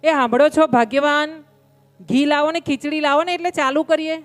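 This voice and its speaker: A woman's voice: a little high, normal speed, big-room sound, lightly acted. A woman voicing a meek, forgetful husband who pleads with his wife and calls out to her. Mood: pleading. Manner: pleading, calling out.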